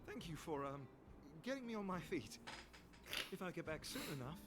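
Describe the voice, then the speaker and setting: A man's voice: a little high, big pitch swings, normal speed, noisy background. A man voicing a meek, weary young miner in a video game, speaking hesitantly. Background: game music.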